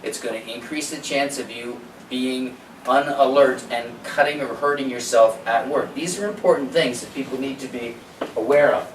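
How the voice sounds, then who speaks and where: A man's voice: mid-range voice, moderate pace. Echoey, distant man giving a health talk. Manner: conversational, opinionated, uses rhetorical questions and quoted asides. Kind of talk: informal health seminar lecture. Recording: echoey room, distant mic, background noise.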